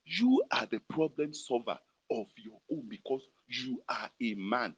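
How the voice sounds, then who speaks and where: A man's voice: mid-range voice, very animated, measured pace, husky, no echo, dull audio. A man with a Nigerian Yoruba-influenced accent preaching a sermon as pastor, repeating lines for emphasis and leading the men in call-and-response. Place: prayer room gathering, fed to an online audience.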